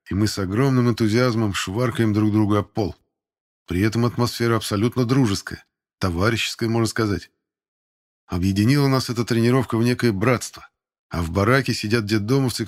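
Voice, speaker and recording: A man reading a first-person novel aloud in a wry, conversational narrating manner. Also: fairly low pitch. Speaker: audiobook reader.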